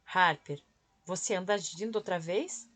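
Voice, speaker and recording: A woman's voice: on the low side, moderate pace, a bit bright. Woman reading as a stern older boss woman. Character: stern older woman, plant nursery owner.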